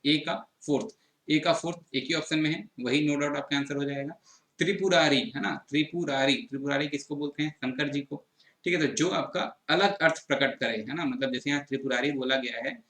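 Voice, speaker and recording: A man's voice: fairly high pitch, fairly bright tone, roomy sound. A man from Chhattisgarh, teaching an online exam answer-key lecture and explaining patiently with constant check-ins.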